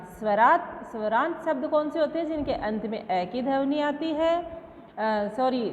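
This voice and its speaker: A woman's voice: high-pitched, slight background noise. A woman school teacher giving an online class lesson, explaining step by step, asking questions and answering them herself, and mixing English words into her Hindi. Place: classroom with a blackboard. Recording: dull lo-fi sound with long reverb.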